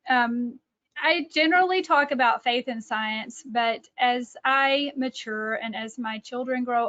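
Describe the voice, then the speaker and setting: Personal anecdotes fill this informal online talk by a middle-aged Texan speaker, educator and author, who thinks out loud and corrects herself along the way. Her somewhat high voice comes across a bit bright, though the video-call sound is slightly dull and lo-fi.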